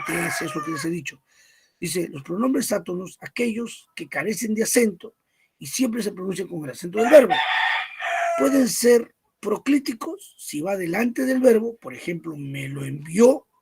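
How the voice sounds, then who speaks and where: Man, teacher, grammar lesson, gravelly voice, answers own questions, repeats lists. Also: high voice.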